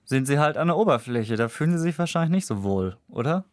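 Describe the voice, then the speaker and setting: A man's voice: medium pitch, big pitch swings, fast talker, dry recording. A man hosting a science podcast in a studio, asking playful, jokey questions in casual chat. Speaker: podcast host. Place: radio studio.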